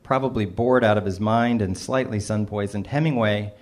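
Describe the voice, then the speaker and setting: At a moderate pace and fairly low pitch, a middle-aged man reads aloud a humorous personal essay he wrote. His delivery is dry and self-mocking, giving the first-person story a wry, funny edge.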